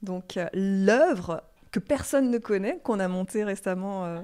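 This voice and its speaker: A woman's voice: mid-range voice, unhurried, a little mellow, smooth. A woman from Alsace, a choir founder and conductor, talking in a chatty interview with many fillers and restarts. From Alsace, France. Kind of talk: casual interview chat.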